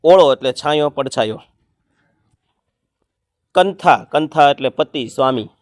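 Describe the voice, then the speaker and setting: A man, teaching an exam-prep grammar lesson and explaining word meanings one by one, sometimes chanting a verse slowly. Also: on the high side, expressive, no echo, clean studio sound.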